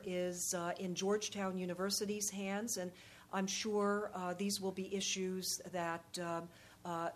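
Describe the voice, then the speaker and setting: A woman with a medium-pitched voice answers questions as a panel expert. She is measured and diplomatic, with frequent pauses and repeated words as she works through each answer. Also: slight background noise. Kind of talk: unscripted answers at a public question-and-answer session.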